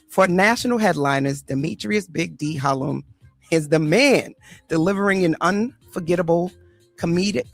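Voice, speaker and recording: A host and life coach leading a casual interview, hyping up her guest with energetic introductions. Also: mid-range voice, creaky. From Boston area.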